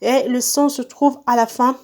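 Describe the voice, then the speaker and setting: A woman's voice: high-pitched, fairly even intonation, normal speed, warm tone. A woman teaching young pupils in a recorded lesson, stretching out and repeating each word so children can follow. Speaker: primary school teacher. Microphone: phone.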